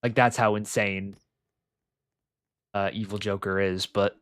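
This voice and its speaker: A young man doing live play-by-play commentary on an online football game, excitable and rambling, with lots of filler words. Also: fairly low pitch, measured pace, dry recording, clean studio sound.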